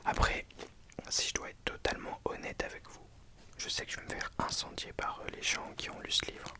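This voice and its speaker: A person giving an ASMR book review in a soft, breathy library whisper, hesitant and often self-correcting. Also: a little fast. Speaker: book reviewer addressing viewers.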